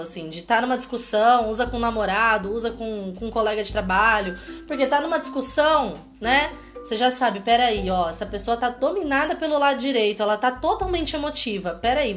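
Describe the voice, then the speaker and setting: A woman's voice: a little high, fairly bright tone. A woman with a Brazilian accent giving a casual, playful parenting lesson, often ending with tag questions. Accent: Brazilian Portuguese. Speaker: parenting educator. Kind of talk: casual teaching talk.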